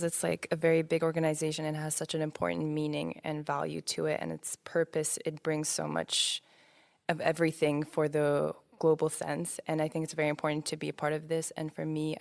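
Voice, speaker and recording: A woman's voice: sits low, vocal fry. A young woman in her twenties, an archives intern, speaking hesitantly and earnestly. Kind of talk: casual interview talk.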